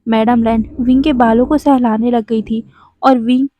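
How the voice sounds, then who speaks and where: A woman's voice: a little high, steady tone, moderate pace, dark tone. A woman narrating a fan-fiction story in a chatty way, often restating herself.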